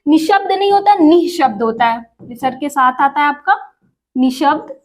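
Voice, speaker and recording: A woman with a high, animated voice teaches an exam prep lesson at a moderate pace. She speaks to viewers as if they were friends, asking questions and repeating each answer for them.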